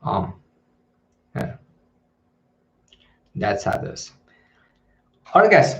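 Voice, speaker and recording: A man's voice: medium pitch, sing-song, extremely slow. A man hosting a live question-and-answer stream, answering in a hesitant way with many ums and restarts. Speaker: channel host. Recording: dull lo-fi livestream audio.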